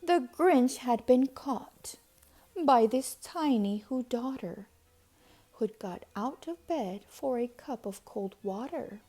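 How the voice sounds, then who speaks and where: Woman reading a kids book out loud, really slow and dramatic, highish voice. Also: lively intonation. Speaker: storybook reader. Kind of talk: expressive children's storybook read-aloud.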